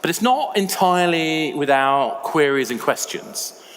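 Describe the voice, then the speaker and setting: A man with a slightly raspy voice, giving a conversational, emphatic conference talk. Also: fairly high pitch, animated, a little slow, fairly bright tone, a little hiss or hum. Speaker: conference speaker. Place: large conference hall. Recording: reverberant hall with faint ambience.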